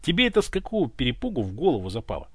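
Sneering smuggler, as a man reads him, cocky, mocking, lively swings in pitch, dry close sound. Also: rapid-fire, husky, no room sound. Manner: sneering, taunting.

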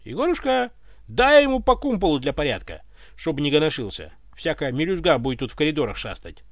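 Man voicing a brash rough palace guard. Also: on the high side, sing-song, brisk, no room sound, studio quality. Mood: swaggering. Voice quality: rough, coarse. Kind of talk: audiobook character voice.

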